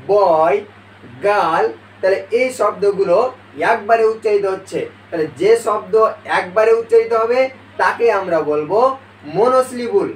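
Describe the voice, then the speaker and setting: High-voiced man teaching, echoey room. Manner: addresses viewers as dear viewers and friends; slow, deliberate explanation with pauses. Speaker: English teacher. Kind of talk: video lesson. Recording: echoey room, far from the mic, faint noise.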